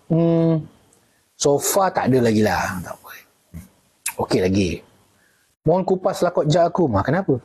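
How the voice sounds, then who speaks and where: A man's voice: fairly high pitch, sing-song, normal speed, pauses often, darkish tone, slightly rough. A middle-aged man with a Malaysian Malay accent, a retired army officer chatting casually on a live stream, answering viewer comments and joking.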